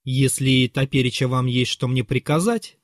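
A man reading the part of a stubborn old manservant who talks slowly and quietly with a measured lisp and is wholly unbothered. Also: mid-range voice, no echo, studio quality, lightly acted. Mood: calmly insolent. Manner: quiet, unbothered and self-assured. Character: calm, stubborn, lisping old male manservant.

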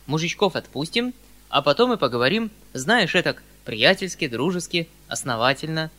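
A male reader plays a kindly older landowner uncle, fussing and hurrying over his words. The voice is raised, loud and bright. The manner is excitable and slightly pleading. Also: on the high side. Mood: flustered eager. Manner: fussy, hurried, excitable.

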